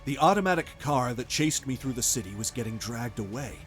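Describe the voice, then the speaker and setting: A man's voice: mid-range voice, animated, a little fast, soft background music. A man reading a first-person horror story aloud in a tense, dramatic way. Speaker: narrator. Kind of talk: scripted horror narration.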